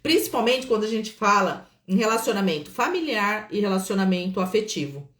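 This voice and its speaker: A woman's voice: medium pitch, a little fast. Brazilian woman guiding a roomy session. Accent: Brazilian Portuguese. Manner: calm, checks in often with "tá?". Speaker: therapist. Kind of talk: guided live healing session. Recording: roomy echo.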